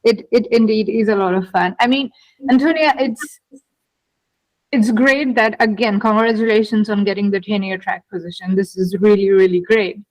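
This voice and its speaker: A woman hosts a podcast interview with gushing enthusiasm, repeating her phrases for emphasis. Her voice sits at an ordinary middle pitch for a woman. The recording is dry and close, with no room sound. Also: steady tone, moderate pace, darkish tone, dry recording, rough recording. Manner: enthusiastic, effusive, repeats herself. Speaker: podcast host. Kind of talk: casual interview chat.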